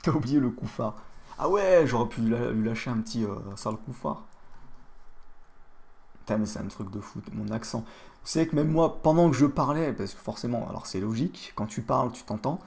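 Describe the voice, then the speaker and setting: A man's voice: medium pitch, expressive, a little fast, creaky, a little mellow. A man streaming live, chatting crudely and joking with his chat.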